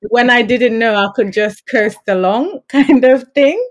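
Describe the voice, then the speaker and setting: A woman's voice: fairly high pitch, measured pace. A woman from Gambia, co-hosting a casual podcast chat, who laughs easily and often quotes herself. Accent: London English, faint Yorkshire. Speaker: podcast co-host.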